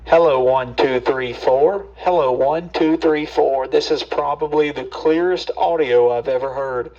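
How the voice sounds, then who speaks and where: A man who runs a radio shop, heard over a CB radio speaker as he counts off a steady audio test. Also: fairly high pitch, unhurried. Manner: steady, plain counting in short bursts. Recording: dull, lo-fi radio speaker sound.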